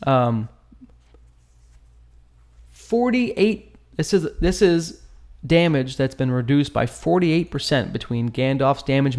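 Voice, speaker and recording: A medium-pitched man runs a gaming channel, casually breaking down a battle with slangy, joking asides.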